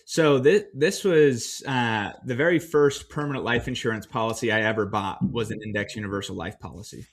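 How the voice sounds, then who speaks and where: A man co-hosting a podcast, recounting his own finance choices in a relaxed, storytelling way with plenty of fillers. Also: mid-range voice, brisk, few pauses. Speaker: podcast co-host. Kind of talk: casual podcast discussion.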